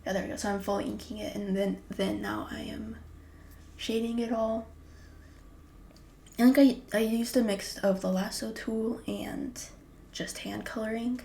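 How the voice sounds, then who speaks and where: A young woman talks casually through her artwork, slipping often into a breathy near-whisper. Her voice has a gravelly, creaky edge. A faint hiss sits under the recording. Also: fairly high pitch, steady tone, moderate pace, a little mellow. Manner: chatty, often drops to a breathy half-whisper. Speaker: artist vlogger. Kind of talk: casual vlog commentary.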